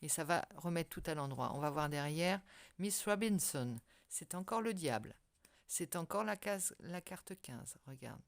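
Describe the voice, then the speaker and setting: A woman's voice: deep voice, lively intonation, unhurried. A woman giving a casual, spoken tarot reading straight to the viewer, hesitating often and restarting her sentences. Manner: hesitant, many fillers and restarts, speaks directly to the viewer. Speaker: tarot card reader.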